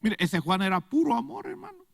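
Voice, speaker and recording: Male preacher, high animated voice, emphatic, quizzes the congregation; long church reverb. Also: a little fast, gravelly, husky, clean studio sound. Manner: emphatic, rhetorical questions to the congregation. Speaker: pastor. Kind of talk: sermon.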